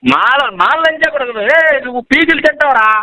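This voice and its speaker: Shrill man hurling the same insults. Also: fast, sharp tone, no echo, rough recording. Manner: repeats the same insults over and over. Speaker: caller. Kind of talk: heated phone argument.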